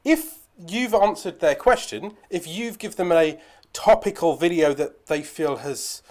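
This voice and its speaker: A man's voice: on the high side, a little slow. A man hosting his own video channel, giving chatty advice straight to camera with rambling asides. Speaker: YouTube channel host. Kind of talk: direct-to-camera advice vlog.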